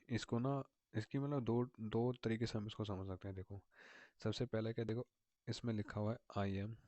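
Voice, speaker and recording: Recorded up close in a dry room without echo, a man with a low, darkish, fairly steady voice teaches vocabulary memory tricks step by step. He repeats things patiently and regularly checks in with his students using "theek hai na".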